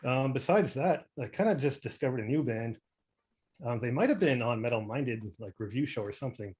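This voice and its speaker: A man's voice: medium pitch, lively intonation, fairly quick, a little mellow. A man on a podcast talking casually and in a laid-back way about metal albums, with lots of "like". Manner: laid-back, says "like" a lot.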